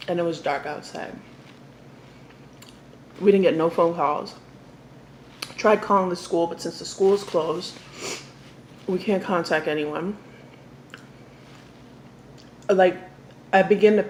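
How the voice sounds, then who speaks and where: A young woman casually telling a story to the camera during an eating show, talking while she eats and pausing for bites. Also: fairly low pitch. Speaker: mukbang vlogger. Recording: echoey room with faint background noise.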